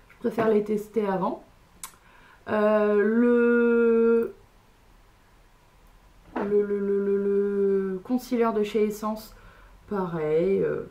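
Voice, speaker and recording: Woman vlogger, casual haul chat, easygoing and hesitant, average pitch. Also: a little mellow, muffled recording. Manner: chatty, hesitant, with many fillers. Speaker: beauty vlogger. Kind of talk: casual makeup haul unboxing.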